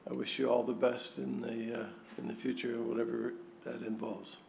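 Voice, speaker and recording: A man's voice: mid-range voice, flat delivery, normal speed, gravelly, a little mellow, a little hiss or hum. A man on a police board giving brief, wry and plainspoken farewell remarks at a meeting.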